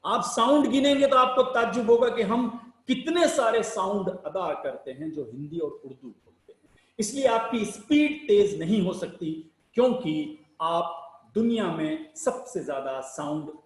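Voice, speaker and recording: High, lively man lecturing in an echoey room. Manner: slow deliberate explanation, spells out sounds letter by letter; rhetorical questions, emphatic rises and sinking ends. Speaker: public speaking teacher.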